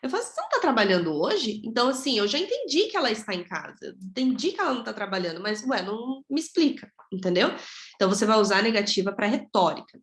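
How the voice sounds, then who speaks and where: Brazilian lady teaching english grammar, slow drills then quick explaining, echoey room. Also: a little high, sing-song. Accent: Brazilian Portuguese. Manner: drills forms slowly, then explains quickly with many checks like "tá bom?". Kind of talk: online grammar lesson.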